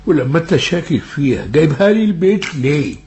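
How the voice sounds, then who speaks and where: A frantic old father with an Egyptian Arabic accent in a radio comedy. His voice sits high for a man, and his words pour out quickly in a nervous stream. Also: sing-song, a little mellow. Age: older. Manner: fast, frantic, repeats insults. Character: panicky old father, stubborn and easily scared. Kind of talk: comic radio drama acting.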